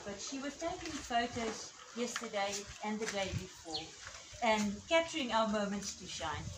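A middle-aged woman with a high voice and a Namibian accent shaped by her native Afrikaans gives an informal speech. She projects outdoors with emphatic pauses, picked up from a few metres away amid loud background noise. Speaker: art teacher and event host. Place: outdoors on a porch before a garden audience. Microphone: camera a few metres away. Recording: noisy outdoor phone video with birdsong.

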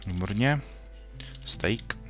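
Over music, a young man with a fairly low voice and lively intonation casually comments on a Minecraft let's play at home. As a gaming video host, he rambles, corrects himself and throws in jokey asides.

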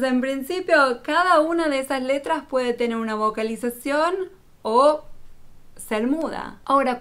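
Woman, religious teacher, patient explainer, unhurried delivery, slightly high voice. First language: Spanish speaker, not Hebrew. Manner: patient, addresses viewer directly.

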